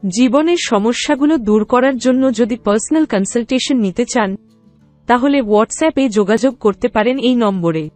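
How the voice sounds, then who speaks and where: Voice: mid-range voice, lively intonation, normal speed, a little mellow, soft background music, voice pushed up, close to an everyday voice. A man reading a short promotional announcement in a raised voice.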